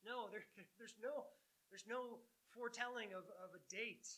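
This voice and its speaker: A man's voice: very high-pitched, normal speed, bright, forceful tone, low-quality recording. A man preaching a sermon to his congregation in a conversational way, asking rhetorical questions and reading scripture aloud. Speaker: pastor.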